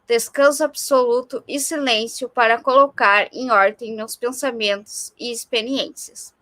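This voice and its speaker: A woman on a livestream slowly reading a religious text aloud in a measured, careful way. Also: fairly high pitch, bright, forceful tone, dry recording. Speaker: reader on a livestream.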